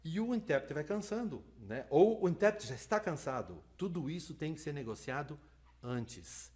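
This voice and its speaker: Fast-talking man lecturing. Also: on the high side. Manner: lively, talks fast, asks "né?" and "tá?". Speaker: lecturer on sign language interpreting. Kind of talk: live online lecture.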